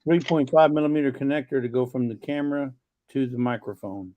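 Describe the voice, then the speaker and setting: A man joins a casual live chat, explaining gear with plenty of fillers and easy laughter. His pitch is an ordinary middle. The sound is dry and close, with little room. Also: brisk, no echo, narrow, tinny audio.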